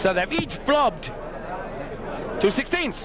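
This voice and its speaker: A man giving excitable, emphatic live commentary on a darts match as co-commentator. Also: very high voice, slow. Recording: muffled broadcast with loud crowd. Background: loud darts crowd.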